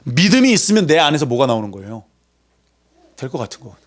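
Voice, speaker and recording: A man preaching a sermon in a lively, conversational way, acting out voices as he goes. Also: mid-range voice, fast talker. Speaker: pastor.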